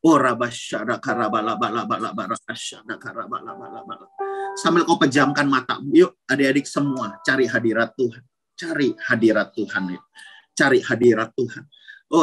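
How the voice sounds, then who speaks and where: A man's voice: medium pitch, rough recording. A man, a youth pastor preaching casually with slang and praying aloud in tongues while calling out names. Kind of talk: youth sermon and prayer in tongues.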